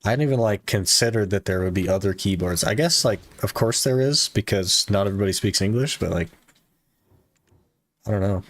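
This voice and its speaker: A man chats casually with his viewers while live-streaming a game, relaxed and dropping "like" constantly. His voice is fairly low and runs a little fast.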